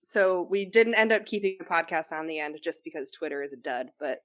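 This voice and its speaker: A woman's voice: sits low, animated, a little fast, a bit bright. A young woman co-hosting a podcast in casual chat, rambling with lots of fillers and frequent giggles. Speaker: podcast co-host.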